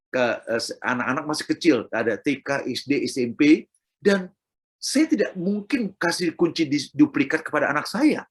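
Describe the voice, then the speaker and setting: A man's voice: fairly high pitch, husky. A middle-aged man preaching a sermon, emphatic and repetitive, speaking straight to his listeners.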